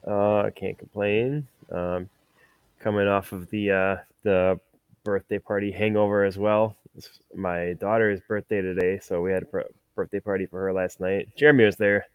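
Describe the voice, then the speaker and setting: A man co-hosting a casual podcast, relaxed and joking dryly. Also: lowish voice, normal speed, clean tone, no echo. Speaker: podcast co-host. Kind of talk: casual group chat.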